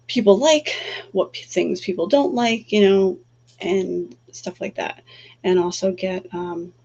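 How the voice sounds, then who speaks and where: Leading her livestream, this energy healer talks softly and calmly, pausing often and using many fillers, before moving into guided breathing. She has a lowish, creaky, slightly rough voice. The sound is muffled lo-fi stream audio carrying a faint hum.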